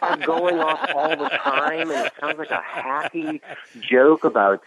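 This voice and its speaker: Against a loud crowd, a slightly high male voice tells stories at a measured pace through tinny, phone-like sound. The comedian, a Midwesterner from outside Chicago, is a guest on a casual radio talk show and acts out the quotes in his animated tales.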